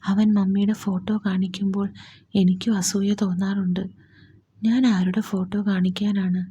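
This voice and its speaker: A woman whispering the part of a young man grieving a lost mother, in a soft, pleading whispered role-play. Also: medium pitch, level tone, normal speed, husky.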